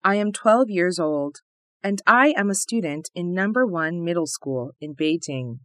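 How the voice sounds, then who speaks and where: A woman reading the part of a twelve-year-old schoolgirl introducing herself in a scripted listening test, slow and carefully enunciated. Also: lowish voice, expressive, fairly bright tone, no echo, studio quality. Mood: plain.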